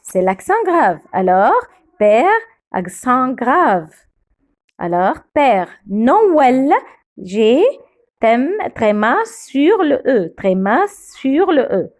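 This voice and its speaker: Woman teacher, high voice, lively sing-song pitch, repeats each word, drills pronunciation. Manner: slow, repeats each word several times, spells out sounds. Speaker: French teacher. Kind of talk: beginner French pronunciation lesson.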